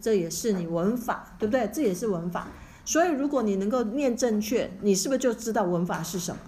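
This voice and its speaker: A woman's voice: medium pitch, animated, a little fast, warm tone, slight background noise. Woman teacher drilling pronunciation. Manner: questioning, correcting, repeating words for students.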